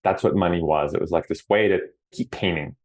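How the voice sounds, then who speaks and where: Low-voiced man, thoughtful interview guest. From Hawaii. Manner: earnest and reflective, often slows down to stress words. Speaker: podcast guest. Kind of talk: casual interview answers.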